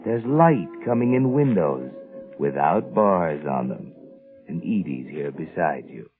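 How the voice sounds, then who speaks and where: An actor playing a sinister, knowing narrator who mockingly addresses the listener as you in a 1940s radio suspense show. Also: male voice, extremely low pitch, sing-song, a little slow, heavily acted. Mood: ominous. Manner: mocking second-person address. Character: sinister, taunting omniscient male narrator, ominous and knowing. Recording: muffled 1940s radio recording with music. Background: music.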